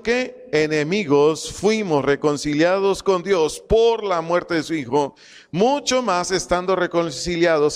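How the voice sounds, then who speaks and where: Teaching Scripture, this high-voiced man asks questions only to answer them himself, spelling out Greek terms and circling back to key phrases. A long reverb tail trails his speech.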